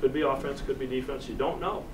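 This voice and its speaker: An American man, a college team coach, giving an earnest, deliberate pep speech to his players in the locker room, pausing for emphasis. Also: mid-range voice, steady tone. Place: locker room, heard from a distance. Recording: echoey distant room recording with loud noise.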